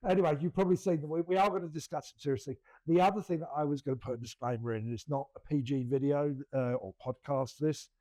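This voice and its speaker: A middle-aged Englishman co-hosts a casual podcast, rambling through many restarts and laughing at himself. His voice is fairly high-pitched yet dark in tone, steady and fairly quick, and the recording is rough but free of echo.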